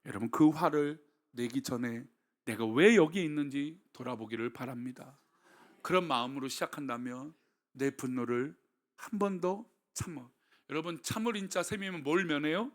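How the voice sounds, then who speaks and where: A male senior pastor preaching a sermon to his congregation, emphatic and often rising to shouts, putting rhetorical questions straight to the listeners. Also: a little high, normal speed. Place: church sanctuary before a congregation.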